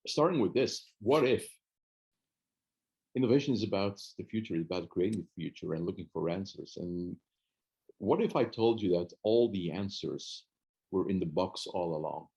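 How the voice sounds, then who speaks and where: A man's voice: sits low, expressive, normal speed, darkish tone, slightly rough, highs cut off. A man from Belgium, a consultant, giving an earnest online talk as guest speaker over a video call, often restarting his sentences. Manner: earnest, with frequent restarts and fillers. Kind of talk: webinar presentation.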